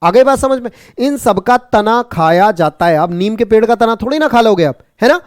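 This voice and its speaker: A man teaching an online exam-prep class, brisk and repetitive, teasing and jokingly scolding his students. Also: high-pitched, lively intonation, smooth, no room sound, studio quality.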